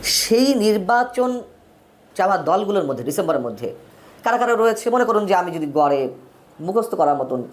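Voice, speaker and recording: Brief: male host, solo political commentary, emphatic with wide pitch swings, rattles off lists. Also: sing-song. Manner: emphatic, pitch swings widely between phrases; lists names in quick runs. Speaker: political talk show host.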